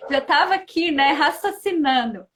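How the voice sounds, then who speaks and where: A high-pitched woman talking as a guest in a relaxed conversation. She tells her story with lively energy, acting out her own past thoughts in little asides. She keeps tagging her sentences with quick questions. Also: a little hiss or hum. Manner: animated, keeps adding questioning tags. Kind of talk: casual storytelling chat.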